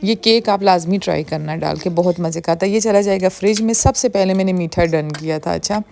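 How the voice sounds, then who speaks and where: Fast-talking woman cooking vlogger. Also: fairly low pitch, vocal fry, mellow. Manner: talks fast, friendly and homely. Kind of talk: chatty cooking voice-over. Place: home kitchen.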